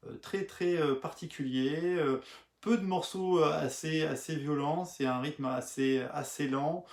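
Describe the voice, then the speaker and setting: A man's voice: a little high, measured pace, creaky. Hesitant French-speaking man in an echoey room. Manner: hesitant, many filler sounds and restarts. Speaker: music blogger. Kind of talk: casual spoken album review.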